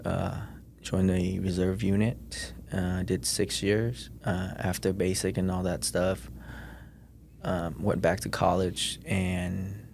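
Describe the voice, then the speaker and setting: A man in his thirties from Vietnam, a podcast guest telling his story in a measured way, often pausing with ums. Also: low voice, flat delivery, vocal fry, a little mellow, slight background noise. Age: 30s. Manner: measured, hesitant with many ums. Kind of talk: casual interview.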